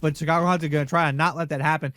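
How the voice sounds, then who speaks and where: Fast, high-voiced male esports caster. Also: background noise. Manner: rapid excitable calls. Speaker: play-by-play caster. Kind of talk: esports play-by-play commentary.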